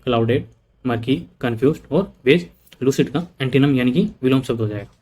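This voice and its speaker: Teaching exam preparation, this man talks a little quickly in a medium-pitched, somewhat mellow voice. He goes over word lists again and again, frequently asking "ठीक है", and blends English vocabulary into his Hindi explanations.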